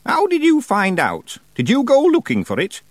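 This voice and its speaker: A man voicing an old blind witch woman who gives sharp, imperious orders. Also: very high voice, wildly swooping pitch, normal speed, no room sound, pitched above the performer's own voice, exaggerated voice. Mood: stern. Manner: imperious, snapping.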